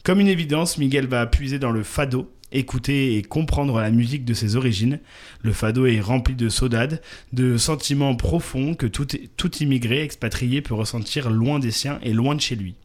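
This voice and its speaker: A man with a medium-pitched, somewhat dark voice co-hosts a local radio show, speaking at a moderate pace as he casually reads out a musician's biography. He hesitates a lot, restarting and filling gaps with "euh." He jokes around, apologizing and laughing at his own pronunciation.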